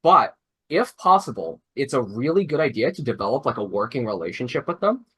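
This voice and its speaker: Very animated and fairly quick, a young robotics mentor speaks on a video call in a mid-range voice that's fairly bright and slightly rough. He explains casually, rambling with many "like"s and "uh"s and correcting himself as he restarts.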